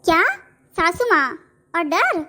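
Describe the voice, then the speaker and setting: A sweet young cartoon bride. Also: female voice, very high-pitched, big pitch swings, slow pace, sharp tone, full character voice. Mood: polite. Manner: polite, eager. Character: sweet young newlywed daughter-in-law. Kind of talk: cartoon voice acting.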